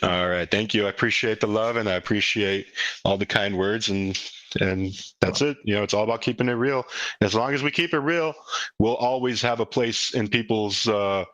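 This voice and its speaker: On a casual group call, a crypto project leader hosts his community, talking off the cuff in a lowish, fairly bright voice at normal speed. He's earnest and emphatic, often repeating himself for stress, and the recording is dry and rough.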